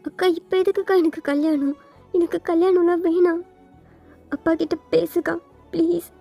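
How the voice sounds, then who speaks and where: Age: young adult. Figure: a woman voicing a tearful young woman. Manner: stammering, pleading. Pitch: high. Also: brisk, warm tone, soft background music, close to an everyday voice. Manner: stammering, close to tears. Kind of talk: storybook fan fiction reading.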